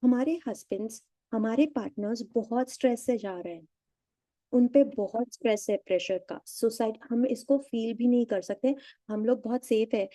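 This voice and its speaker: A woman's voice: a little high, moderate pace, mellow, no echo. A middle-aged woman coaching a live online session, chatty and teasing, slipping into English and acting out the lines she quotes. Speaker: EFT and meditation coach. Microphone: video call.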